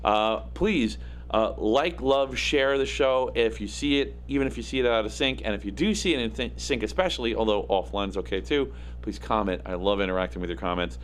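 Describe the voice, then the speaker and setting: There's a faint electrical hum behind this man's studio mic as he hosts a relaxed livestream show from home. His gravelly, raspy, slightly nasal voice sits on the low side and moves fairly quickly, full of fillers and self-deprecating remarks as he rambles.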